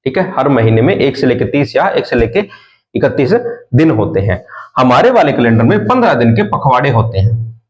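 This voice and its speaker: A young man teaching an exam coaching lesson, lively, repeating terms for students to memorize. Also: mid-range voice, normal speed, dull audio. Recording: echoey room.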